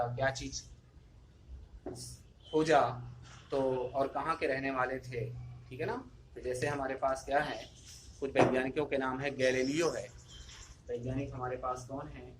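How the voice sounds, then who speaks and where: A man's voice: mid-range voice, fairly even intonation, moderate pace, slight background noise. A male physics teacher giving a recorded lesson, who keeps repeating his points and asking questions that he then answers himself. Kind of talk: classroom lesson video.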